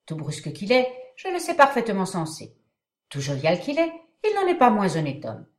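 Woman reading a calm, persuasive young man, echoey. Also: mid-range voice, moderate pace. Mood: reassuring. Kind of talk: dramatic reading of a classic stage comedy.

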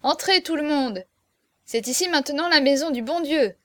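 A woman reading aloud, voicing an excitable young male servant who shouts boastful announcements. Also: high-pitched, normal speed, no room sound, voice pushed up, close to an everyday voice. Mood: shouting. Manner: loud, breathless exclamations.

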